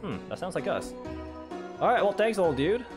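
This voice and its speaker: A man's voice: high voice, sing-song, moderate pace. A young man in his twenties doing casual, reactive let's play commentary, exclaiming often and reading game text aloud. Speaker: gaming let's player. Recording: game music behind voice.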